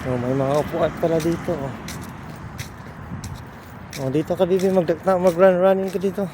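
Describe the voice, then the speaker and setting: In a casual family vlog, a woman films a toddler on her phone in a hillside park, coaxing him along in sing-song baby talk mixed with English. Her voice is lowish and fairly even, at a moderate pace, with outdoor noise in the background.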